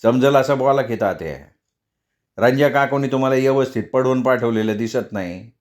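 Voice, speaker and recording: A man's voice: mid-range voice, normal speed, lightly acted. A man voicing a mocking elder brother who tells tales, in a storybook reading. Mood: taunting. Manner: taunting, tattling.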